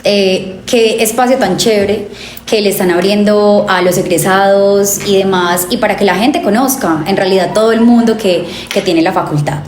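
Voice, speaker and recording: A young woman with a Colombian coffee-region accent, a tourism graduate talking as an interview guest, animated and full of fillers and self-corrections. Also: medium pitch, moderate pace, a little hiss or hum. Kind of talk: conversational interview. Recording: echoey room with faint ambience.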